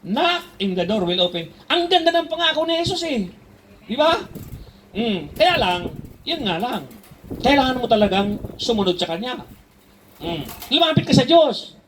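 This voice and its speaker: High-voiced man preaching a lively sermon. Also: normal speed, pauses often, slight background noise, poor audio. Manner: lively, asks the church "di ba?" often, switches to English for Bible verses. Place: church service in a hall.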